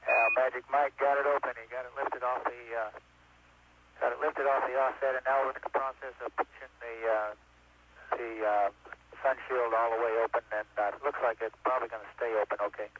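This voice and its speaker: A man working as a shuttle astronaut, giving halting, matter-of-fact technical status reports over a spacecraft radio. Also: medium pitch, steady tone. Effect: spacecraft radio transmission. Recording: muffled band-limited radio link, faint noise.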